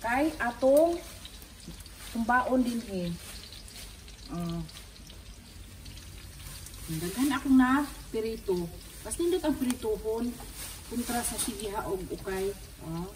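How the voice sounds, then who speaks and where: A woman's voice: fairly high pitch, takes it slowly, long pauses, slight background noise. Cebuano woman chatting while cooking. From Philippines. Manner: relaxed, chatty, explains each step. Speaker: home cook. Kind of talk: casual cooking vlog narration. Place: home kitchen, indoors. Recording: distant camera mic, music underneath.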